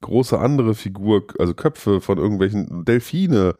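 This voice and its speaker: A man with a very deep, mellow voice chats in an eager, relaxed way. The sound is dry. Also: normal speed, dry recording. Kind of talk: casual chat about theme parks.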